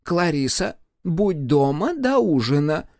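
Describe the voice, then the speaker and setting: A man's voice: a little high, big pitch swings, slow, a little mellow, no room sound, clean studio sound, pitched above the performer's own voice, heavily acted. A man doing a crafty old grandmother. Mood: firm. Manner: sweetly innocent, mock-deaf. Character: sly elderly grandmother feigning deafness.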